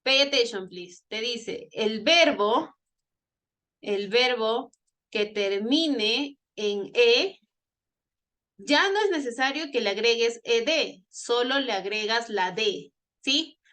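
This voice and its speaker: Slow, bright-voiced woman teacher. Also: on the high side, animated. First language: Spanish. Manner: slow, patient, repeats and checks with "¿sí?". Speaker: English teacher. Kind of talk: online class explanation.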